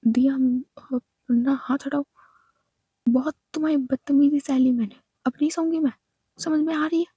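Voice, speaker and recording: A woman's voice: high-pitched, steady tone, moderate pace, warm tone, dry recording, natural voice. Woman putting on a drunk, taunting young woman. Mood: defiant. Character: drunk defiant young woman, loud and mocking.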